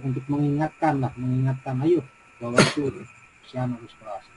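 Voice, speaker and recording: A middle-aged man with a West Javanese Indonesian accent, a teacher in a coaching practice conversation, talking haltingly with many fillers and repetitions. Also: mid-range voice, fairly even intonation, noisy background. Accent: Indonesian, West Java.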